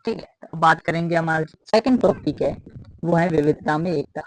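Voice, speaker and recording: A man's voice: a little high, normal speed, low-quality recording. A man from Rajasthan, teaching a casual classroom lecture at a blackboard and repeating his points with many fillers. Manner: repetitive, explains with many fillers. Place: room with a blackboard.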